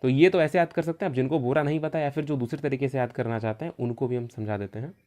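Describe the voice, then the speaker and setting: A male teacher walks students through an exam-prep vocabulary lesson at a steady, mid-range pitch. He keeps asking questions and answering them himself. He drills each point through repetition. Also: quick pace.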